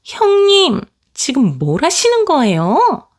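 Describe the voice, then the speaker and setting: A woman voicing a smug young woman doctor, a sister-in-law who mocks and sneers in a shrill, mock-pitying way. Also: huge pitch swings, slow, exaggerated voice. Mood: indignant.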